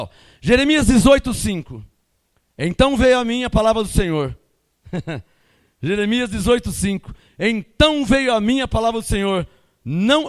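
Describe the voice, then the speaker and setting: A man preaching a sermon as pastor with a Brazilian Portuguese accent, emphatic and animated, switching between loud outbursts and quiet asides. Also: high-pitched.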